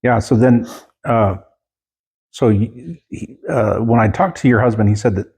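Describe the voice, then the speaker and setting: A man's voice: medium pitch, animated, measured pace, darkish tone, slightly rough. A man hosting a podcast, asking easy questions in a friendly, joking way. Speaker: podcast host. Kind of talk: casual interview.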